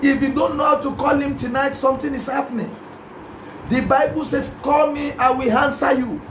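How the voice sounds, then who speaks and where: A Nigerian man preaching a sermon as pastor, fervently chanting repeated prayer lines and often breaking into shouts. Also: extremely high pitch, steady tone, normal speed. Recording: echoey room with background noise.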